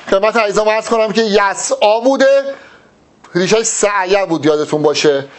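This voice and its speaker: Brief: male tutor, high voice, exam-prep lesson, walks through each step and quizzes himself aloud. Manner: asks rhetorical questions and answers them himself; explains step by step. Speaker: teacher.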